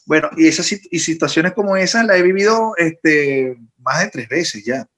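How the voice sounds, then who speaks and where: Animated man telling a spooky story. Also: a little high, moderate pace. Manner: animated, recounting with rising intensity. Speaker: podcast co-host. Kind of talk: casual storytelling.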